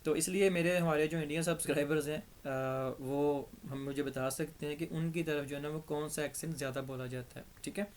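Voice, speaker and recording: Pakistani man, teacher, patiently walks through examples, throat a bit dry, voice sits high. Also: fairly even intonation, a little fast, hardly any pauses, a little hiss or hum. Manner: patient, step-by-step explaining, repeats examples. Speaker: English teacher. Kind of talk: grammar lesson.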